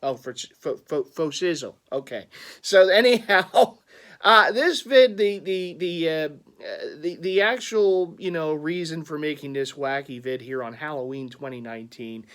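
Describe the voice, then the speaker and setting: Philly guy rambling about his teams, lots of uh the the restarts, kinda high voice. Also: unhurried, a bit bright. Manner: rambling, stammering restarts, frequent chuckles. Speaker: sports fan vlogger. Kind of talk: casual rambling vlog.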